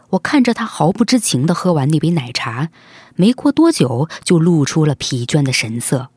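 Male narrator for dramatic first-person suspense story, animated intonation, expressive delivery over music. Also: fairly high pitch.

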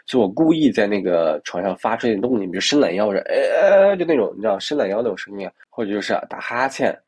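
A male podcast host tells stories in a relaxed monologue, full of restarts and asides to the listener. His voice sits low and a little husky. His pitch swings widely as he talks fast. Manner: restarts and fillers while recounting. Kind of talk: casual storytelling monologue.

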